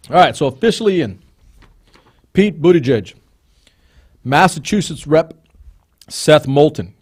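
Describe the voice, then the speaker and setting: A man's voice: a little high, darkish tone. A man hosting a live stream, talking casually and reading a list of names with asides. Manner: chatty, digressive, reads names off a list. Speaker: host.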